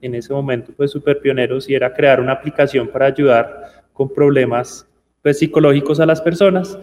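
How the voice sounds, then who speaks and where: A man's voice: medium pitch, steady tone, a little fast, a little mellow, long reverb tail. A man with a Colombian accent, a guest on a radio show, telling his story thoughtfully with frequent restarts. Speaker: guest, company founder. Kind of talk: radio interview.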